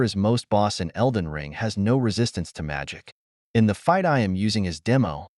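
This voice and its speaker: A man narrates a game walkthrough from a script, laying out each step in a steady, instructional manner. His voice sits low, but his pitch moves about a lot as he explains. The recording is dry, with no room sound. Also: dry recording.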